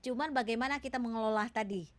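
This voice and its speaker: A woman's voice: on the high side, fast. A woman giving a webinar talk, patiently answering questions with many hesitations and tag questions. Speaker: seminar speaker. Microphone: video call.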